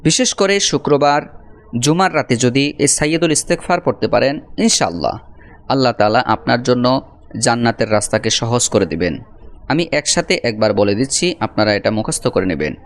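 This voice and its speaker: A man teaching a prayer as a lesson, reciting Arabic phrases slowly and then explaining their meaning. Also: mid-range voice, lively intonation. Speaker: Quran teacher. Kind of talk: religious lesson, slow syllable-by-syllable recitation.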